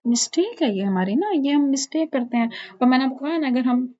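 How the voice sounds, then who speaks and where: A woman teaching tajweed, explaining in mixed with English and reciting verses slowly to show mistakes. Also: high-pitched, animated, warm tone. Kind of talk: informal online lesson. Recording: dull lo-fi recording.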